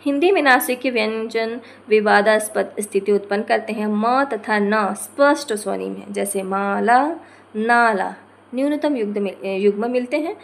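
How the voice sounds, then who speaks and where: A woman teaching a lesson, reading from notes, slowing to spell out example words and correcting herself as she goes. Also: medium pitch, gravelly. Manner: corrects herself mid-phrase.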